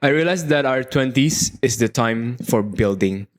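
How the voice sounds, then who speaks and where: A man's voice: medium pitch, lively intonation, measured pace. Podcast host guy, mid voice, reads his questions out. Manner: asks questions, reads prepared points. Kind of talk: casual podcast interview.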